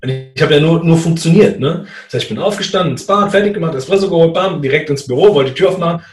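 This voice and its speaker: A man in a casual conversation, telling a personal story in a lively way and acting out what people said. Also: on the high side, quick pace, roomy sound, faint music behind. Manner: animated, acts out quoted dialogue. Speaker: guest telling his story.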